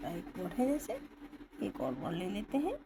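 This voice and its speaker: In a very noisy recording made from a camera or phone held at a distance, a woman with an Indian accent on her English words leads a stenography class. She spells words out letter by letter, patiently checking that students follow. Her voice is lowish with big pitch swings at a normal speed.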